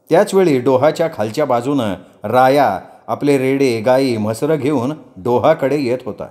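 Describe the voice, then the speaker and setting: A man narrating a novel chapter as a storyteller, in a measured storytelling delivery. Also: medium pitch, darkish tone.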